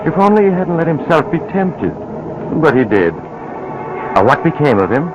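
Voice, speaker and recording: An actor playing a sinister, wry traveler who narrates eerie tales on 1940s radio, theatrical and insinuating. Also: male voice, fairly high pitch, big pitch swings, measured pace, muffled recording, music in the background. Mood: sly, ominous. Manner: insinuating, theatrical, mock-sympathetic.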